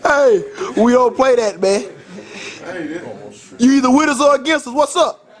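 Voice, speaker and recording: A man's voice: very high voice, moderate pace. A young man playfully hosting a rowdy locker room video for the camera, boisterous and full of slang. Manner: boisterous, loud hyped-up banter with slang. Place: indoor team locker room. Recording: noisy locker room chatter.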